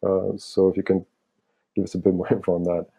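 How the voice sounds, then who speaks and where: A man's voice: deep voice, level tone, brisk, vocal fry, dark tone, slightly rough. A man interviewing a film director, asking long questions with hesitant restarts. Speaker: festival programmer interviewer. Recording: dull lo-fi sound.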